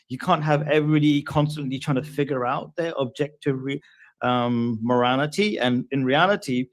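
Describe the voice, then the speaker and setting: Forties man, thoughtful and halting guest in casual talk, mid pitch. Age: 40s. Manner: thoughtful, hesitant, many fillers. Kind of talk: casual discussion.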